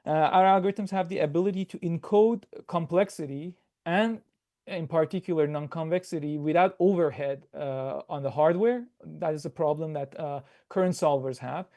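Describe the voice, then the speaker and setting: A man presenting a prepared startup pitch over a video call, explaining methodically and answering his own questions. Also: normal speed, mellow.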